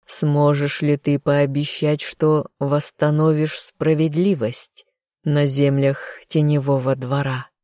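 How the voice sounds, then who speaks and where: A solemn female goddess speaks slowly and with command, as a reader puts her on. Her delivery stays even, and the tone is dark and mellow. The sound is dry and close. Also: mid-range voice, dry recording, close to an everyday voice. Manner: slow, measured and commanding. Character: stern, solemn female goddess granting fates.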